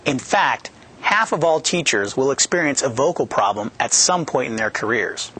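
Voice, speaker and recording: Speaking into a headset boom mic in front of a yellow studio backdrop, this thirtysomething product manager delivers a scripted, upbeat training presentation. His medium-pitched voice is animated and bright, with a forceful tone at a moderate pace. He jokes around cheerfully but walks through each step clearly.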